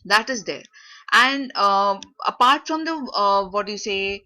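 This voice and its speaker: Lady teaching a class over a video call, bright sharp voice, lots of uhs while she looks for words. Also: mid-range voice, unhurried. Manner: searching for words, many fillers. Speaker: workshop facilitator. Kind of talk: interactive online class talk.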